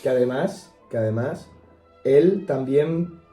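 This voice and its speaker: A young man co-hosting a casual music podcast, talking hesitantly and pausing to search for words. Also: mid-range voice, lively intonation, warm tone, reverberant, recorded from a distance. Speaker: podcast co-host. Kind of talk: casual chat about music history.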